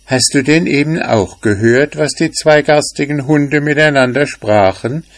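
A man voicing a small grey kitten in a storybook tale, speaking in a raised, soft, coaxing way. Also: on the high side, a little slow, no echo, pitched above the performer's own voice. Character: small gentle grey female kitten, worried.

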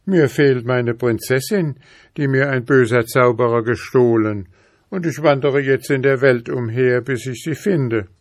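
A man's voice: medium pitch, lively intonation, moderate pace, no echo, clean studio sound, pitched above the performer's own voice. Bold storybook boy, raised voice, cheeky, voiced by a man. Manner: cheeky, defiant.

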